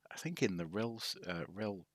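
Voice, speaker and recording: A man's voice: on the low side, expressive, moderate pace, slightly rough, dry recording, studio quality. A man from North Wales chatting casually on a live stream, hesitant with lots of restarts and wry asides. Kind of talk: casual rambling show-and-tell.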